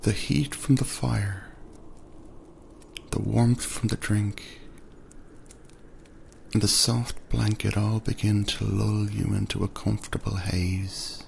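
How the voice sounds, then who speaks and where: Deep gravelly man, slow soothing whisper. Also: little pitch movement, slight background noise. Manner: soft, soothing, drifting into whispers. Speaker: narrator. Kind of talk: second-person sleep story narration.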